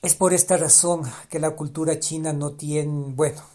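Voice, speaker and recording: This is a male podcast host, a native Spanish speaker, musing solo and often starting sentences over or repeating ideas to drive them home. He sounds fairly high-pitched and mellow, flat in delivery, at normal speed.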